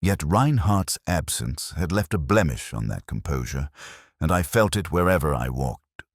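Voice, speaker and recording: Speaking in an extremely low voice, a male narrator reads a first-person detective mystery in a measured, reflective manner, his intonation rising and falling expressively. The recording is dry and close, with no sense of a room.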